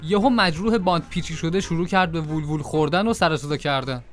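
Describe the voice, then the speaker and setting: A man narrating a comic audio drama in a lively storytelling manner. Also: a little high, faint music behind.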